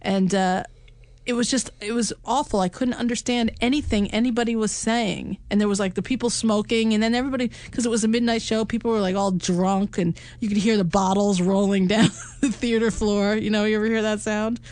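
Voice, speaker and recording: A woman's voice: mid-range voice, steady tone, a little fast, a little mellow. A middle-aged woman co-hosting a casual podcast chat, talkative, laughing often and restarting sentences. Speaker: podcast co-host. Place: home in upstate New York.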